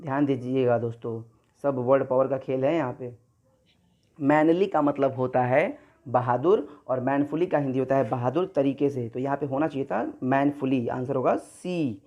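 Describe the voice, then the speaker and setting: A man's voice: mid-range voice, normal speed, a little mellow, muffled recording. A male teacher giving an exam-prep grammar lesson, explaining each question step by step and often addressing his viewers as friends.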